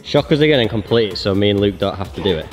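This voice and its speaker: A young man gymnast chatting casually while training, excitable and quick to shout at a good stunt. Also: fairly low pitch. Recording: echoey hall with music behind.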